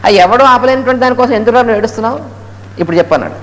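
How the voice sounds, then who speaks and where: A Gita lecturer with a high, a bit bright voice rushes animatedly through a spiritual discourse, pausing to chant Sanskrit verses slowly. A hall's long reverb and a faint hiss surround his speech.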